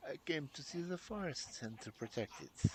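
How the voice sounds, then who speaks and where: A man voicing a calm, earnest young activist with a put-on German accent. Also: on the high side, moderate pace, a little hiss or hum, voice pushed up, lightly acted. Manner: earnest, deadly serious.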